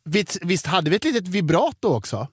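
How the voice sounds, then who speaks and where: A man hosting a radio prank show, playful and quick, often tripping over restarts. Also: high-pitched, big pitch swings, slightly rough, no room sound, studio quality.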